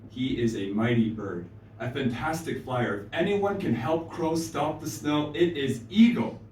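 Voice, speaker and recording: Male storyteller at a live venue; unhurried, dramatic pauses, echoey room, far from the mic. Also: fairly high pitch, a little mellow, slight background noise. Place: small live venue stage. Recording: roomy live stage, distant mic.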